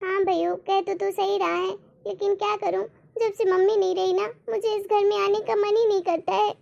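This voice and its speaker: A grieving married daughter, played by a woman in a cartoon moral story, tender and sorrowful as she longs for her late mother. Her voice is pitched very high with a gravelly fry. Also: little pitch movement, normal speed, a little mellow, lo-fi sound, full character voice. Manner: wistful, sorrowful monologue.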